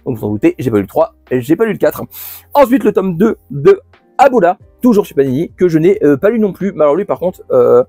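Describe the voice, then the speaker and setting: A man's voice: fairly high pitch, very animated, fast, warm tone, no echo, soft background music. A man hosting a casual monthly manga haul video, chatty, with many fillers and restarts. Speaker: manga channel host.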